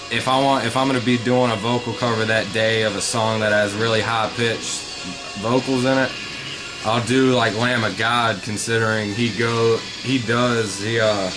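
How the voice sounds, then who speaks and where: A man talks slowly through an informal vocal lesson. He is blunt, sweary and rambling, at a middling pitch, with music clearly audible behind him. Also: low-quality recording. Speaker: vocal coach, metal vocalist. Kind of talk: casual informal tutorial.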